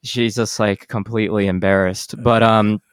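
A man's voice: lowish voice, steady tone, normal speed, smooth, dry recording, clean studio sound. A man hosting a podcast, chatting casually and asking playful questions in an easygoing way. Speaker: podcast host. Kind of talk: casual interview chat.

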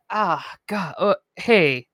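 Woman doing a nervous stammery guy warrior, slow halting talk, dry close sound. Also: medium pitch, sing-song, fairly bright tone, no room sound, full character voice. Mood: flustered. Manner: stammering, halting, clearing throat. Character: flustered, nervous young male warrior.

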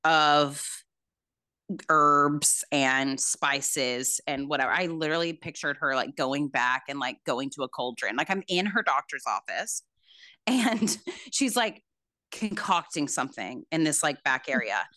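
Casual podcast co-host, female, low and bright voice, rambling friendly storytelling. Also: very animated, normal speed, dry recording, clean studio sound. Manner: chatty storytelling, lots of "like". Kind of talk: casual chat.

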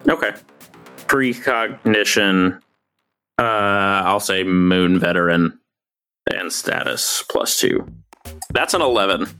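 Bright-toned man playing a tabletop game. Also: low voice, takes it slowly, pauses often, smooth, faint music behind. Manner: chatty, laughing, describes actions. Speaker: player. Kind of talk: casual tabletop play.

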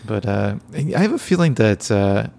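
Creaky-voiced man, low-key late-night podcast host. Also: sing-song, normal speed, dark tone. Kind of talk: casual comedic podcast chat.

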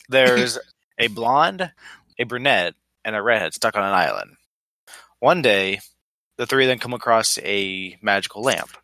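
A man with a bright, firm tone tells a long joke at a steady, low-key pace. The sound is dry and close, with no room echo. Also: a little slow, long pauses. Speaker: podcast co-host. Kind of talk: casual joke-telling chat.

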